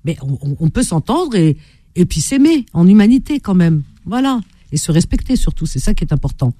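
A woman's voice: on the low side, big pitch swings, brisk, dark tone, no echo, clean studio sound. A woman hosting a call-in radio show, chatting with callers in a playful, affectionate, teasing way.

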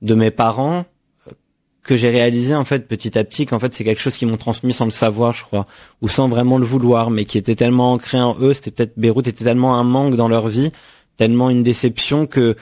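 A man's voice: mid-range voice, steady tone, fairly quick, darkish tone. Thoughtful young man, hesitant restarts. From France. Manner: thoughtful, frequent restarts and repeated words. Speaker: author guest. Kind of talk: reflective radio interview answers.

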